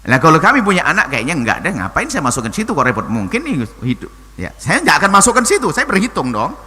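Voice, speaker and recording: A man preaching and answering a listener's question, talking in an animated way that swings from low and soft to high exclamations. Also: fast talker, husky. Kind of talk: sermon. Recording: long hall reverb, faint noise.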